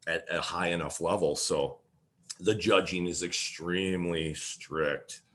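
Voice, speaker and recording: Very deep-voiced man from Wisconsin. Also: fairly even intonation, unhurried, fairly bright tone. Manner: earnest, many fillers like "you know". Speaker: podcast guest, powerlifter. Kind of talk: casual podcast conversation.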